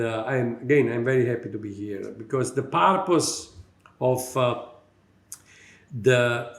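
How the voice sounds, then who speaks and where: Speaking in a reverberant space, a middle-aged executive from Italy delivers a prepared conference talk. His mid-range voice carries an Italian accent, and he halts frequently, leaning on many fillers.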